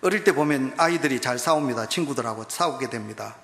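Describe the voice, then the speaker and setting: A man's voice: mid-range voice, animated, quick pace, gravelly, fairly bright tone. A male pastor with a Gyeongsang Korean accent, preaching an emphatic, fervent sermon. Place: church sanctuary. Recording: echoey church hall.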